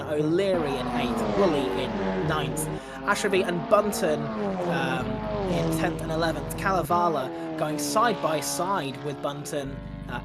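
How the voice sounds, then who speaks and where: A race commentator calling results in excitable bursts, voice a little worn from shouting. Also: medium pitch. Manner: excitable, rattles off positions. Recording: loud music underneath.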